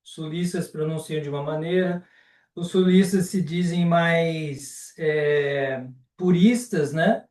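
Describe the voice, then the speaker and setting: A man with a Brazilian Portuguese accent teaching a live online class, unhurried and often ending sentences with a checking question. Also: on the high side, steady tone, a little mellow, recorded from a distance. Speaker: Sanskrit teacher. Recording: roomy and off-mic.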